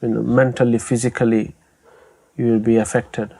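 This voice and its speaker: A young man, telling his own story in a halting, soft-spoken way with many pauses and restarts. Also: mid-range voice, level tone, vocal fry. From Bangladesh. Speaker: interviewee. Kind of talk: personal testimony.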